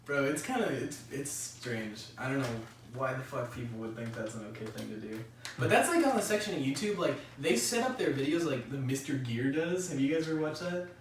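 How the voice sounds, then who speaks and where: Excitable young man far off in an echoey room. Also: mid-range voice, fairly quick. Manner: excitable storyteller, swears a lot, laughs mid-sentence. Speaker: podcast host. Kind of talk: casual chat. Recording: roomy echo, far from mic, faint noise.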